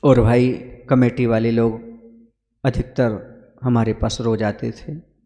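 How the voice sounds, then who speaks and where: A Jain monk giving a sermon to a gathering, calling listeners brothers and putting questions to them. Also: male voice, medium pitch, little pitch movement, takes it slowly, warm tone, long reverb tail.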